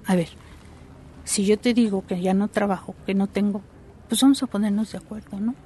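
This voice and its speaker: Soft-toned woman explaining calmly. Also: medium pitch, moderate pace, slight background noise. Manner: reflective, explanatory, tag questions. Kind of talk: interview answers.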